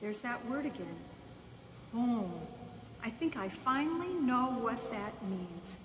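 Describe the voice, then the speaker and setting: A volunteer storyteller reads a children's book aloud as a bedtime story in first-person narration. Her voice is a little high, expressive and fairly bright, and she goes slowly, pausing between short phrases. A distant mic in an echoey room picks her up with faint noise.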